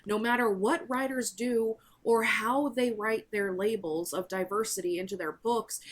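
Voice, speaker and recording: A woman reading a scripted talk to camera in an earnest, advice-giving way. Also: fairly high pitch. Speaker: author video creator.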